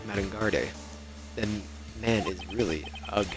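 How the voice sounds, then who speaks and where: A man voicing an earnest, hesitant young male defense lawyer in a game, low-pitched over game music. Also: a little slow, lightly acted. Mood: earnest troubled. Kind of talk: reading game dialogue aloud.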